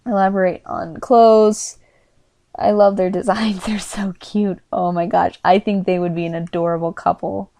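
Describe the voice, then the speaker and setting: Quiet, apologetic woman with a mellow voice. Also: mid-range voice, flat delivery, normal speed, creaky, no echo. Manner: hesitant and apologetic, many fillers; speaking quietly. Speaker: character reviewer. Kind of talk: casual spoken review.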